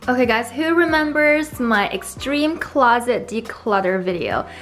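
A woman's voice: fairly high pitch, lively intonation, unhurried, fairly bright tone, reverberant, faint music behind. Bubbly young woman vlogging in her bedroom. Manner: bubbly and chatty, laughs often. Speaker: fashion vlogger. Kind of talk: casual vlog chat.

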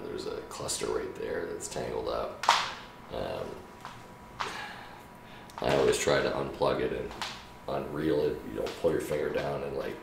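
A tired man with a raspy voice, casually chatting and rambling through a late-night live stream from his room at home. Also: extremely low pitch, roomy sound, distant mic, noisy background. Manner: laid-back, rambling, swears casually. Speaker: game streamer.

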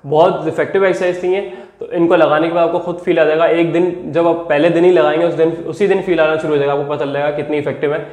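Filming a home workout vlog in a small, bare, echoey room, a young adult fitness trainer speaks earnestly into a lapel mic and goes over his points again and again. His voice is on the high side yet darkish, flat in delivery, and fast.

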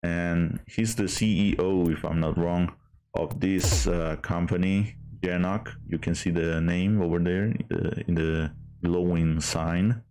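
A man's voice: deep voice, fairly even intonation, slow, darkish tone. A man streaming a game in casual chat, hesitant with many fillers and restarts.

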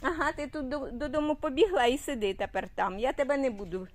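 A woman's voice: high-pitched, quick pace. A woman in her sixties from Ukraine, a grandmother vlogging at home with her family and coaxing a toddler in sing-song baby talk. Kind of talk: casual home vlog.

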